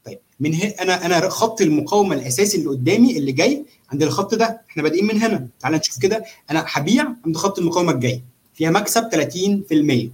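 A man with an Egyptian accent giving a casual live walkthrough as a trader, explaining in an animated way and often checking that the listener follows. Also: on the high side, racing. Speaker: trader demonstrating chart analysis.

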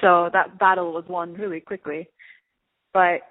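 A woman's voice: on the low side, steady tone, a little slow. Woman from Turkey, phone-thin interview. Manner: reflective, with frequent fillers and soft laughs. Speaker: artist and guest. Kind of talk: casual interview answers. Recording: narrow phone-like sound.

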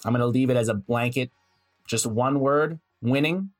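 A man's voice: mid-range voice, moderate pace, soft background music. A man hosting a sports podcast, reading a scripted introduction and asking interview questions in an earnest, enthusiastic way. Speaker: podcast host.

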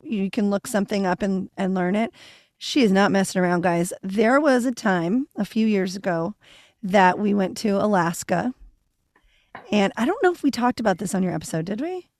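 A woman hosting a podcast, telling stories in a chatty, animated way. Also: mid-range voice, moderate pace, no room sound, studio quality. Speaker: podcast host. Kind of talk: casual chat.

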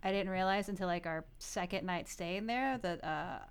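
A woman's voice: lowish voice, normal speed, clean tone. A woman in her thirties co-hosting a podcast, chatting casually with lots of "like," restarts and giggles. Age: 30s. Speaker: podcast co-host. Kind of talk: casual chat.

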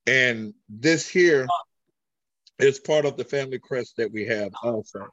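A man who wrestles in a mask, answering interview questions with frequent halting restarts while searching for words. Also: medium pitch, a bit bright, no room sound, lo-fi sound. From Greece. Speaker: masked wrestler.

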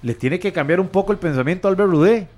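A sports panelist with a slightly high voice who steps in to set the facts straight. Faint music plays underneath him. He talks in a measured, corrective way. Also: a little mellow. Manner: corrects others with details. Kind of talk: heated sports debate.

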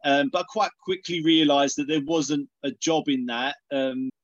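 A man's voice: on the high side, normal speed, no echo, muffled recording. A middle-aged man with an Essex accent talking casually as an interview guest, hesitating and repeating words as he thinks. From Essex, England. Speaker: podcast guest, organic dairy farmer.

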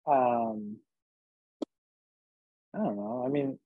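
A man's voice: medium pitch, very slow, no echo, phone-quality sound. A man from New Jersey, a musician guest, chatting casually in a rambling, joking way with lots of fillers. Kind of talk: casual interview chat.

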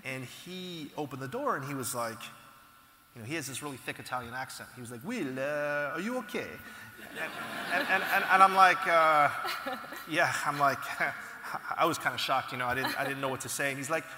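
A man being interviewed as a company founder, telling stories in an animated, casual way with frequent restarts. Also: medium pitch, brisk, noisy background. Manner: animated storytelling, frequent restarts and "you know". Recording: echoey hall with long reverb.

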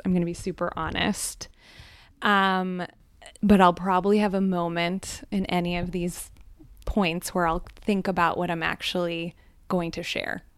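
A woman on the hot seat at a live event, telling personal stories in a candid, reflective way with frequent soft ums. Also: on the low side, fairly even intonation, measured pace, dry recording. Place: live event before a small audience.

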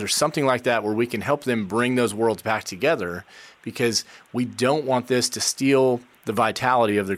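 A man's voice: medium pitch, a bit bright. A man hosting an interview, earnest and encouraging, addressing parents. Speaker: host. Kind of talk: interview conversation.

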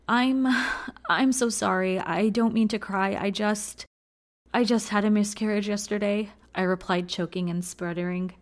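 Woman reading an emotional personal memoir. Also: fairly low pitch. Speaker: teacher and memoir reader.

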